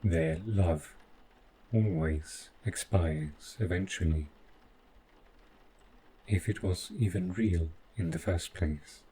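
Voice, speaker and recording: A man plays a devoted, quietly possessive robot butler in a scripted audio drama monologue, his tone one of cold contempt. His very low, mellow voice moves very slowly in formal, precise, measured phrases. The low-quality recording carries noticeable background ambience plus a little hiss or hum.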